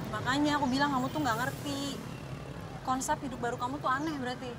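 A woman's voice: high voice, fairly even intonation, fast talker, noisy background, close to an everyday voice. A young woman in a film drama, firmly reproaching her fiancé. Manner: reproachful, firm. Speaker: bride-to-be.

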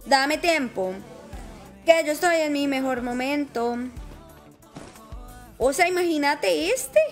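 A woman's voice: high-pitched, takes it slowly, soft background music. A woman live-streaming a game in casual chat, affectionate and talkative, greeting viewers by name.

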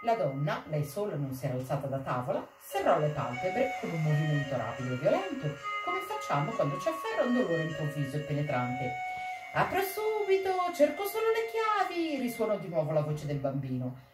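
A woman reading a literary story aloud in an expressive, measured way at a library event. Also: low voice, echoey room, far from the mic, over loud music, rough recording. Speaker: reader.

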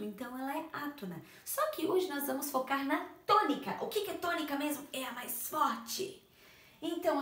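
A woman teaching young children, in a lively, sing-song way that stretches out key words. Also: sits high. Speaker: primary school teacher. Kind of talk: online class for children. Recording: roomy echo, mic far off.

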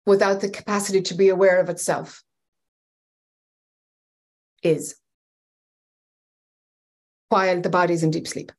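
A woman's voice: fairly low pitch, measured pace, pauses often. A woman in her fifties, a spiritual teacher, speaking thoughtfully from a home room over a video call and searching for her words. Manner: thoughtful, searching for words, animated hand gestures. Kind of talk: reflective spoken teaching. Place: home room with bookshelves, indoors. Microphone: webcam on video call.

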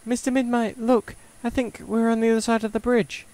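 A man voicing an anxious but determined young girl in a video game, high and earnest. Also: flat delivery, brisk, a little mellow.

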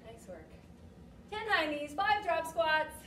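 A young woman working as an aerobics instructor, calling out cues and encouragement in short, energetic, motivating bursts. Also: very high-pitched, takes it slowly, music in the background. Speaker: aerobics and fitness class instructor. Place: large gym studio, indoors. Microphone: distant camera microphone. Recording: echoey gym, distant mic, noisy.

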